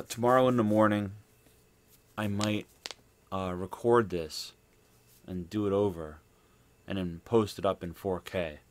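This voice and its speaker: A man chatting casually as he streams a video game live. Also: fairly low pitch. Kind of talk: casual live gameplay chat.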